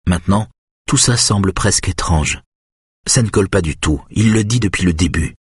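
Deep, husky male audiobook narrator. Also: no echo, clean studio sound. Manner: measured, steady present-tense reading. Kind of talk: scripted thriller narration.

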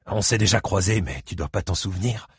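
Man voicing gruff older granddad, deep husky, hesitant, dry close read. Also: fairly quick, no room sound. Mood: awkward. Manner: hesitant, stumbling speech.

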